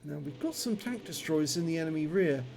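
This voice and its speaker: A man's voice: a little high, animated, fairly quick, vocal fry, darkish tone, a little hiss or hum. A man giving running commentary on a video game, his speech slightly impeded by a numb, toothache-swollen jaw. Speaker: gameplay commentator.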